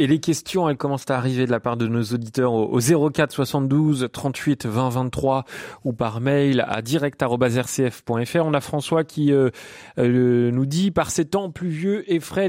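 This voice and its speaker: A man's voice: medium pitch, dry recording. Radio host guy reading out listener mail, dry studio sound, easygoing. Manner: relaxed, reads listener questions. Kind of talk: radio phone-in hosting.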